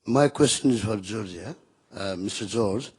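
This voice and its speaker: A man from Nepal speaks up from the audience with a polite, deliberate question. His colors each word. His voice sits low and has a husky edge. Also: a little mellow. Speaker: audience member asking a question. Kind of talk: formal question at a panel.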